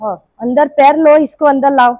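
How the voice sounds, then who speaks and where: A woman's voice: high-pitched, normal speed, darkish tone, dry recording, low-quality recording. A woman yoga teacher with a sore throat, counting reps and scolding her class into holding their poses. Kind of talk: live group class instruction. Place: indoor yoga class room.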